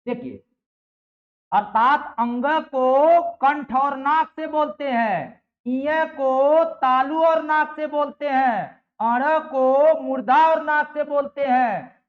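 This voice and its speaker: A male teacher with a very high voice gives a grammar lesson, taking each step slowly and with care. He repeats syllables, asks his students questions and answers them himself. The recording sounds dull and lo-fi. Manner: repeats sounds and keeps checking with "ठीक है". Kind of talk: Hindi grammar lesson for exam preparation.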